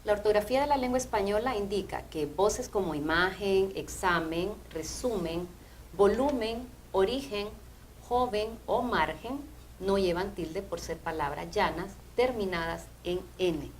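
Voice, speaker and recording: A woman language teacher, explaining grammar rules in a measured way on a TV program. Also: medium pitch, slight background noise, rough recording. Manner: measured, explanatory, often asks "¿verdad?". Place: TV studio.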